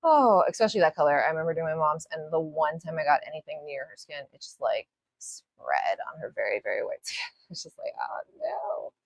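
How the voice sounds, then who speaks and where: A woman with a low voice whose pitch moves a lot, talking through a live nail art tutorial. Her talk rambles, she apologizes often, and she swears now and then. The sound is dry and close. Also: big pitch swings, brisk, creaky, no room sound. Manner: casual, with mild swearing. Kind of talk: live-stream tutorial chat.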